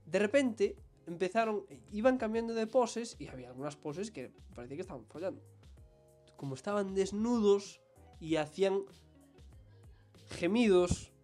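A young man co-hosting a podcast, voice sitting a little high as he tells an anecdote with animated energy. He is talking casually with his friend. Soft music plays faintly behind him. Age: young adult. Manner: animated storytelling, self-conscious about his accent. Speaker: podcast co-host. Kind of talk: casual chat.

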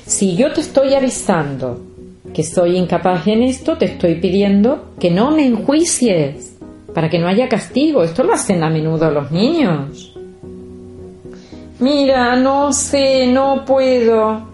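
A woman, hosting a reflective podcast and speaking slowly and deliberately straight to her listeners. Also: mid-range voice, big pitch swings, dark tone, soft background music. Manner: slow, deliberate, addresses listeners directly. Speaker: podcast host.

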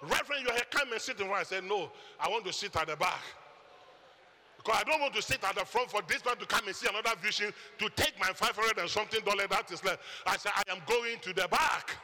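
A Ghanaian man preaching a sermon testimony, telling his story with lively quoted voices. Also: high voice, quick pace. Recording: echoey hall reverb.

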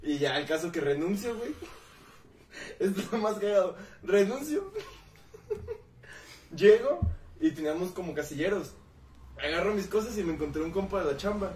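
A young man with a Mexican Spanish accent narrates a story to his friends, cursing freely and acting out dialogue with animation. His high voice moves at a moderate pace with frequent pauses, recorded off-mic in a roomy space with slight background noise.

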